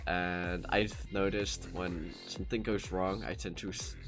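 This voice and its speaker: Here a Dutch-accented man streams a game, his low voice level in tone and a little slow. The chat is casual and meandering, packed with fillers and restarts, recorded on a cheap USB microphone over quiet background music.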